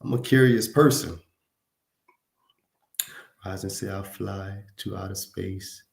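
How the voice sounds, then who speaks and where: A man's voice: low-pitched, takes it slowly, creaky, reverberant. A man from Louisiana, hosting a casual livestream, reading viewer comments and talking to them in a laid-back, slangy way. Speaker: livestream host.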